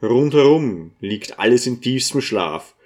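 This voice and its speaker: A man voicing an old archpriest in a storybook reading, slow, low and measured. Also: expressive, a little mellow, lightly acted. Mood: calm, wistful. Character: old archpriest, calm, weary, gently wise.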